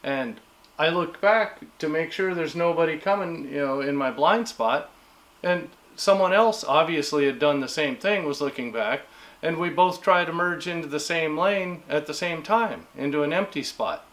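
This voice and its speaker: A man's voice: fairly high pitch, normal speed, a bit bright. A man vlogging in a casual, rambling rant, exasperated and leaning on "you know" and "man". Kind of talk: casual ranting monologue.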